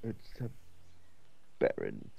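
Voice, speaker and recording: Slow-talking dry joker in game chat. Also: male voice. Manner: dry joking, chuckling. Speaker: gamer. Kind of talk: casual multiplayer voice chat. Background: game music.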